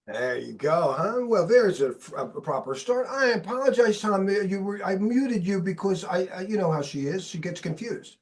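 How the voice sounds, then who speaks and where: A man in his sixties hosting a casual video call chat, telling stories in an animated, blunt, sometimes profane way. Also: high-pitched, normal speed, hardly any pauses, breathy edge. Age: 60s. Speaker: host.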